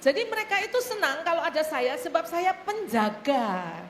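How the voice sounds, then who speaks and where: A woman pastor preaching a sermon, telling stories in an animated way and often laughing as she addresses the congregation. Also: sits high, moderate pace. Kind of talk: sermon with storytelling. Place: church hall. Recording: echoey church hall, faint noise.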